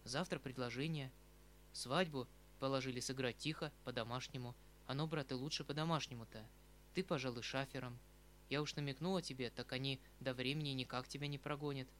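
A man's voice: mid-range voice, steady tone, a little fast, fairly bright tone, a little hiss or hum, voice pushed down, close to an everyday voice. A man reading the part of a tender, fretful aging uncle, a retired colonel, who talks in an emotional, rambling, pleading way. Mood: resigned. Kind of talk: audiobook reading of a classic novel. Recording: faint background music.

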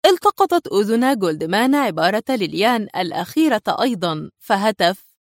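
A woman narrating a thriller audiobook in a dramatic, expressive reading style. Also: mid-range voice, fairly quick, no echo, clean studio sound.

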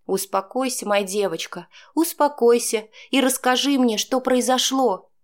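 A woman voicing a caring female friend who talks softly and comfortingly in an audiobook. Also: fairly high pitch, unhurried, voice pushed up, lightly acted. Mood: soothing. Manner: soft, soothing, half-whispered.

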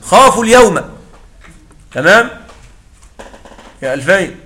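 High-voiced man teaching grammar. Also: big pitch swings, moderate pace, pushed and bright. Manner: explains with examples and quizzes students. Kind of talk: classroom grammar lesson. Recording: echoey room with faint noise.

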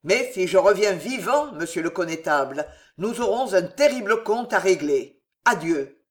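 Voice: mid-range voice, expressive, moderate pace, natural voice. A reader doing a desperate young nobleman. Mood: defiant. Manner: pleading, crying out. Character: young male noble son, desperate then defiant. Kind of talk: audiobook reading.

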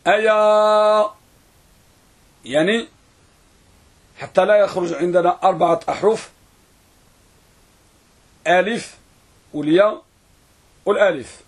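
A man teaching a grammar lesson, who repeats words and draws them out slowly for students to write down. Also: sits high, slightly rough. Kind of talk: classroom lesson.

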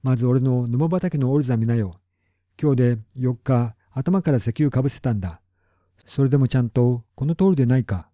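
Guy reading as a bossy stubborn farmer, blunt and bragging, dark mellow voice, kinda muffled. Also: mid-range voice, a little fast, no echo, lightly acted. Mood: gruff, determined. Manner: blunt and boastful. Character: proud, stubborn middle-aged male big farmer. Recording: dull lo-fi recording.

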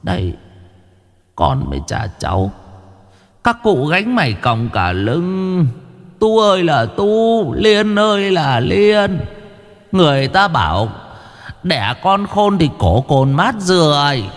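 A man voicing an old female ghost aunt, scolding in a shrill singsong way. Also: sing-song, slow pace, big-room sound.

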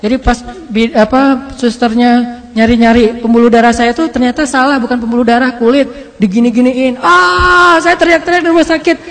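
High-voiced guy preaching, chatty and animated, long echo like a hall. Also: moderate pace. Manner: animated, conversational, acts out quotes. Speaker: Islamic preacher. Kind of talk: storytelling sermon.

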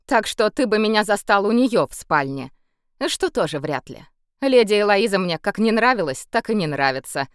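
A woman voicing a tired, level-headed male noble who speaks in a calm, dry manner. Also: medium pitch, moderate pace, clean tone, no echo, voice pushed up, lightly acted. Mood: irritated. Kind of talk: audiobook character voice.

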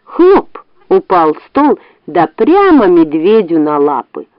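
Lively woman reading a storybook. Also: medium pitch, normal speed, no echo. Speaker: audiobook narrator. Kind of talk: storybook narration. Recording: dull dry studio audiobook.

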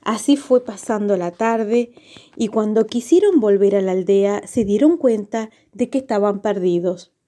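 A woman narrating a children's story on the radio in a gentle, expressive way. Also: medium pitch, a little slow.

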